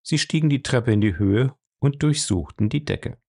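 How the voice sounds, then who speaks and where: A man with a mid-range voice narrates an audiobook from a script, reading in a measured, expressive style.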